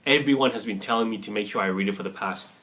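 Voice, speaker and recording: A man's voice: on the low side, a bit bright. A man co-hosting a casual podcast chat, eager and agreeable. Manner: eager, agreeable, quick to say yeah. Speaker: co-host. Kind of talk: casual chat about a TV trailer.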